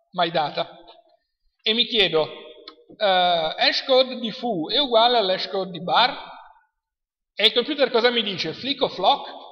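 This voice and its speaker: Bright Italian lecturer in a hall. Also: male voice, sits high. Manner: chatty, asks the class questions. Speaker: university lecturer. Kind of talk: classroom lecture. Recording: dull lo-fi sound in a reverberant hall.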